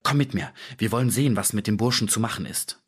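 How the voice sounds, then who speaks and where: A man voicing a calm, clever detective who speaks in a friendly, measured, self-assured way. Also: lowish voice, breathy edge.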